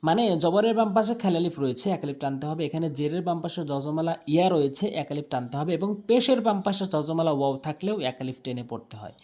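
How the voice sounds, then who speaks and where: A man teaching correct prayer pronunciation, drawing out recited phrases slowly and then explaining the rules in quick asides. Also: fairly high pitch, expressive, a little mellow. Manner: alternates slow drawn-out chanted recitation with quick spoken explanations. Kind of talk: tajweed pronunciation lesson.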